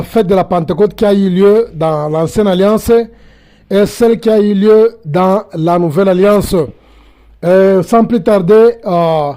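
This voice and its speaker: A man teaching a sermon, slow and hesitant, pausing often and repeating key phrases as he explains. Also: high voice, mellow. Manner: hesitant, many pauses and repetitions. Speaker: Bible teacher.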